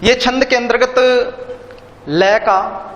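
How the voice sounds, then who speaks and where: A man teaching an online literature lesson, explaining slowly and repeating key terms with synonyms. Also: extremely high pitch, fairly bright tone, slight background noise. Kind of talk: online Hindi literature lecture. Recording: echoey room, dull lo-fi sound.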